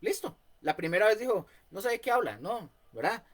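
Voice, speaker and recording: A Costa Rican man teaches a Bible study, explaining things, repeating key points and often pausing on fillers. He has a high voice with big pitch swings.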